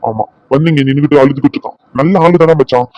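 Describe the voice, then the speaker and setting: A man voicing a blunt young doctor who scolds and teases his friend in a cartoon drama, talking in brisk bursts. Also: fairly high pitch, darkish tone, dry recording, muffled recording, close to an everyday voice. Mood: scolding.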